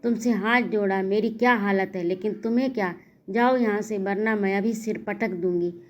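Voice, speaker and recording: A woman's voice: medium pitch, steady tone, moderate pace, natural voice. A woman reading as a feverish delirious young woman.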